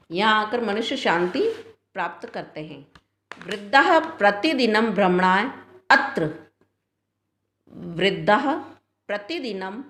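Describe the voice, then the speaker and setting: Slow, patient woman teacher in echoey room. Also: medium pitch. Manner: asks questions and answers them herself; reads each line slowly, then explains it. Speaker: Sanskrit teacher. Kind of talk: classroom lesson explaining a text line by line.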